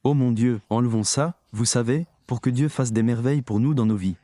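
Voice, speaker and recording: A man's voice: mid-range voice, a little fast, mellow, no room sound. A man preaching a sermon, talking emphatically and straight to his audience. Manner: emphatic, addresses the audience directly.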